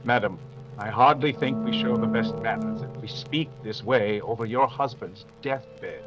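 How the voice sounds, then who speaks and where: A man playing Sherlock Holmes, a courteous, authoritative gentleman detective, in an old-time radio mystery style. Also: medium pitch, loud music behind the voice, close to an everyday voice. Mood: grave, polite. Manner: clipped, deliberate, polite, deductive. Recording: dull, noisy audio with clicks.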